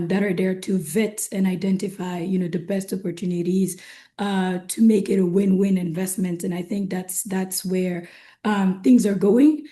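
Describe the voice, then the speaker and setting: A woman speaking as a panelist on an online discussion, her voice hoarse and not its usual sound, talking in a measured way and often checking in with "right?". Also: medium pitch, dark tone. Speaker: panelist from an investment firm. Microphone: video call.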